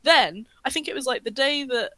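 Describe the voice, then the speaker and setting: A British podcast co-host in casual chat, quick and teasing, often slipping into mock voices. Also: sits high, animated, pushed and bright.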